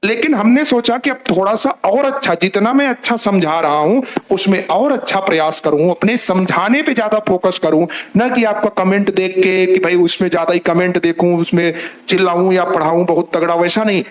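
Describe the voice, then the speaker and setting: A man's voice: high-pitched, moderate pace. A man teaching an online grammar class. He explains step by step, repeating points and asking rhetorical questions, and he addresses his listeners as children.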